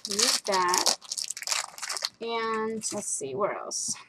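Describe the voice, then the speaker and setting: A woman's voice: medium pitch, animated, very slow, noisy background. A woman talking casually at her craft desk, chatty and rambling with fillers as she walks through a project. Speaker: craft vlogger.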